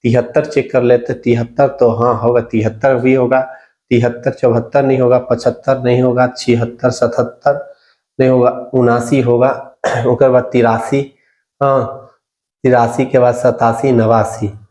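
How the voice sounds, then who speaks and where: A man's voice: medium pitch, little pitch movement, measured pace, darkish tone. Male math teacher, mid-range voice, step-by-step quiz-and-answer delivery, roomy echo. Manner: repeats questions to the student and answers them himself; talks through sums step by step. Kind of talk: exam-prep math lesson. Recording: echoey room recording.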